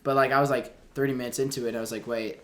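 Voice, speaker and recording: A man's voice: mid-range voice, level tone, racing, crowd noise. A young man co-hosting a podcast, chatting casually and rambling, with lots of "like". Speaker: podcast co-host. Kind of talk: casual chat.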